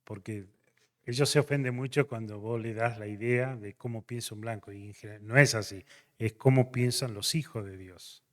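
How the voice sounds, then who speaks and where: A man's voice: on the low side, fairly even intonation, normal speed, long reverb tail. A man, a missionary pastor, telling his testimony to a class and acting out the dialogue as he goes.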